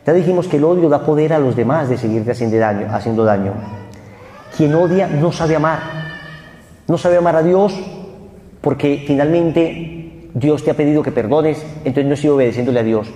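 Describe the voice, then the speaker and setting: A man's voice: a little high, a little hiss or hum. A man with a Colombian Spanish accent preaching a sermon, telling a story and acting out voices. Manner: animated storytelling, acts out voices. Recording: echoey hall with faint ambience.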